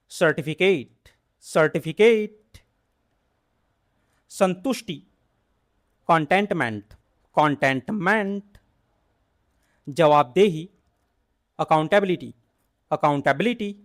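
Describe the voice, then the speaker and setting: Very slow high-voiced man reciting words. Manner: measured, evenly paced recitation. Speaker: vocabulary teacher. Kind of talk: slow word-list drill, repeating each English word twice.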